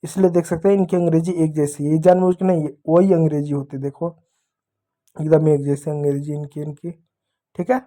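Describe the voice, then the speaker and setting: A man teaching young children, explaining step by step in a slow, patient way and spelling out letters one by one. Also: on the high side, little pitch movement, dark tone. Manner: slow, patient, repeats points to young pupils. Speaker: English teacher.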